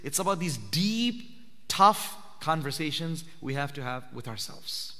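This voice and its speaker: Earnest preacher in a reverberant hall. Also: male voice, fairly high pitch, very animated, unhurried, pushed and bright. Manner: earnest, asks the audience questions. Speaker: Islamic teacher giving a talk at i'tikaf. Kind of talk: sermon.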